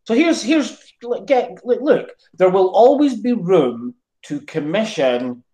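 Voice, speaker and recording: A man's voice: a little high, darkish tone. A man with a modern British accent giving opinions in casual discussion, emphatic and often checking in with short tag questions. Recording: roomy, echoey sound.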